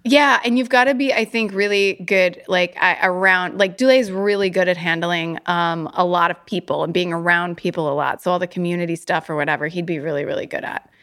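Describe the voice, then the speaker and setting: A woman co-hosting a podcast in casual chat, chatty and quick to laugh, often restarting her sentences. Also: on the low side, steady tone, a bit bright. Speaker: podcast co-host.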